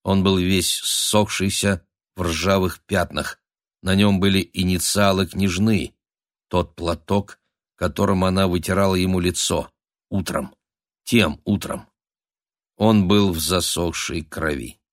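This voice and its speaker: A man narrating a mystical period thriller as an expressive audiobook reader. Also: low voice, dry recording, clean studio sound. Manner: expressive, dramatic storytelling.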